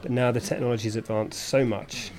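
A man speaking as a speech therapist in an even middle pitch. He lays out each technique step by step in a measured, explanatory way. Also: a crowd in the background. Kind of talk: conversational explanation.

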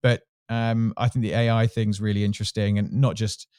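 A middle-aged sports marketing executive from Surrey answers interview questions in a casual, candid, self-deprecating way, with a southern English Home Counties accent. His fairly low voice is clear, resonant and a little mellow, delivered flatly and fairly quickly. The recording is dry and studio quality.

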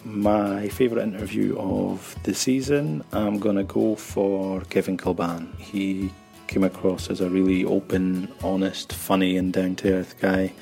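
A man recording a relaxed, wry message as a listener of the show. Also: sits low, a little slow, vocal fry, soft background music. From Scotland. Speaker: listener contributor.

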